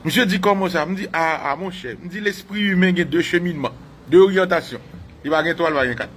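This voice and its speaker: A Haitian man teaching a class on live radio, animated, retelling dialogues and repeating phrases for emphasis. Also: high voice, fairly quick, a little hiss or hum.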